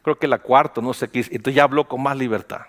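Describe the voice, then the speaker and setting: A man's voice: medium pitch, fairly quick. A man, a pastor preaching a sermon in a conversational storytelling way and acting out dialogue. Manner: conversational, animated retelling with acted dialogue.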